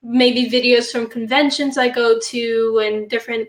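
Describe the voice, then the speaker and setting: A woman's voice: a little high, steady tone, normal speed. A woman chatting casually and playfully as a guest. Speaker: horror host guest. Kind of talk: casual chat. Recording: roomy, echoing sound.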